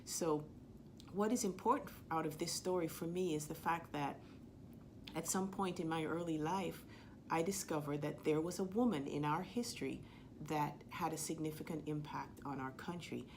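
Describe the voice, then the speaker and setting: A woman from Jamaica with a Jamaican accent, telling a personal history story in an earnest, measured way with the odd filler. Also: deep voice, darkish tone, a little hiss or hum. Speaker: sport leadership speaker.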